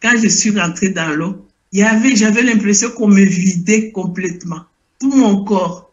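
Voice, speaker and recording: With a mid-range voice at a moderate pace, an older church member living in Belgium offers an emotional spoken testimony. She hesitates and repeats herself as she gropes for words, and the recording is dull.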